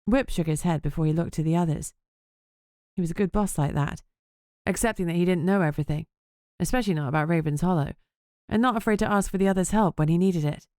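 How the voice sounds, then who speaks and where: A woman narrates as a sardonic young vampire journalist, anxious under her jokes. The voice sits a little low and steady, and the storybook reading is close and dry with no room around it. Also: quick pace, dry recording, close to an everyday voice. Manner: sarcastic, self-mocking. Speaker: audiobook narrator. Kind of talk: first-person audiobook narration.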